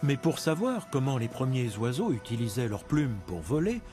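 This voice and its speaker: A man delivers scripted nature documentary narration with a very animated, wide-ranging melody. His pitch sits in a middle register, and he explains in measured phrases with dramatic emphasis. Music plays softly behind him. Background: music bed behind the voice.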